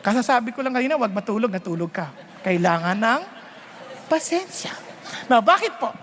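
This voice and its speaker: A man with a Filipino accent preaching a sermon, telling stories in a lively way and switching between Tagalog and English. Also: extremely high pitch, moderate pace, some chatter behind, a little hiss or hum. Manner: animated storytelling, mixing Tagalog and English. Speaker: pastor. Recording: long hall reverb.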